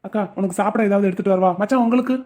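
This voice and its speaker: A woman voicing a teasing young village man in a cartoon, quick and mock-dramatic. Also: medium pitch, a little mellow, close to an everyday voice. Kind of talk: Tamil cartoon voice acting.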